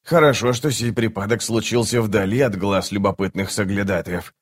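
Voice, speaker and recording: A man's voice: fairly low pitch, steady tone, moderate pace, close to an everyday voice. A man reading an audiobook, voicing a plump, self-important male sorcerer who talks in a florid, pompous way. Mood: relieved. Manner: pompous, talks about himself in the third person. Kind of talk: audiobook character voice.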